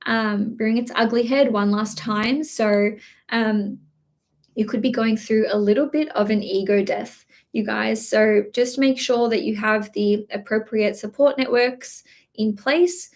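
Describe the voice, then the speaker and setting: A woman's voice: on the high side, steady tone, unhurried. Chatty woman reading horoscopes. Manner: chatty, many fillers and restarts. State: slight cough, throat clearing. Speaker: astrology reader. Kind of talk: live-streamed horoscope reading.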